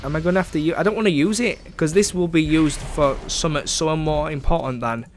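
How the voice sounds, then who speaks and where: A man's voice: on the high side, fairly quick, slight background noise. Chatty sarcastic young man commenting gameplay. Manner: chatty, sarcastic, mocks teammates, frequent ums. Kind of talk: casual game commentary.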